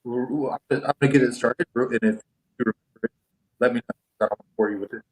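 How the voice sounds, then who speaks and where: A man's voice: mid-range voice, steady tone, fast talker, poor audio. A man chatting casually on a livestream, his mic cutting in and out so his volume keeps jumping, repeating words as he starts a thought. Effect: mic cutting in and out, uneven volume. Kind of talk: casual chat.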